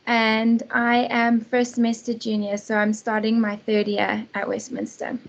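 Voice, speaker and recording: Young woman, flat dull call audio. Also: fairly high pitch, a little slow. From South Africa. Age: young adult. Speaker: student panelist. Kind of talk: casual panel answer. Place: video call.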